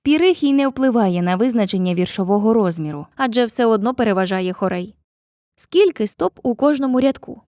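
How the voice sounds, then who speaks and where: A woman narrates a scripted literature lesson in a mellow, fairly high voice. Her delivery is clear and measured, and she slows down for lines of poetry. The recording is dry and close, with no room sound. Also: expressive, no echo.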